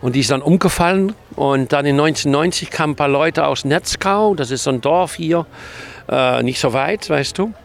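A man's voice: a little high, normal speed, vocal fry. A man from the Netherlands with a Dutch accent, chatting outdoors at a festival and telling a story, often ending sentences with a tag question. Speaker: longtime festival regular. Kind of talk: casual storytelling interview.

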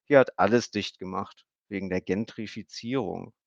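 A man's voice: fairly low pitch, normal speed, vocal fry, no echo, muffled recording. A man voicing a blunt, chatty little girl who speaks in a matter-of-fact, lecturing way.

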